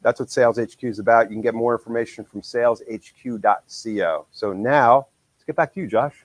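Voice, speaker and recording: A man's voice: mid-range voice, fairly quick, dry recording, poor audio. A man hosting a casual podcast, his voice nasal from a cold, upbeat and promotional. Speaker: podcast host.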